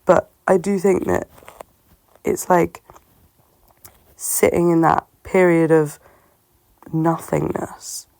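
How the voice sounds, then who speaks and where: Woman, lowish creaky voice with a sore-throat sound, for a halting, reflective solo monologue. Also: steady tone, darkish tone, no room sound. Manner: halting, musing, self-questioning. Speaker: solo host of a personal talk show.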